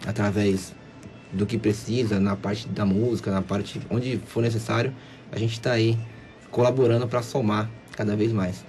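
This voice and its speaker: A Brazilian man in his late twenties answers on live radio in a fairly low voice. He stops and restarts his phrases, then rushes ahead. A faint ambience runs under the studio sound. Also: fairly even intonation, a little mellow, slight background noise. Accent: Brazilian Portuguese, São Paulo coast. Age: 20s. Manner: hesitant, repeats words, then speeds up. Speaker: guest lawyer.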